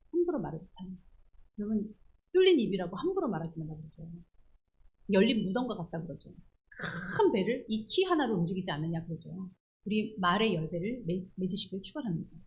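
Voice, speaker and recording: A woman pastor preaching a church sermon, animated and acting out the quoted voices herself. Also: medium pitch, rough recording. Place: church sanctuary.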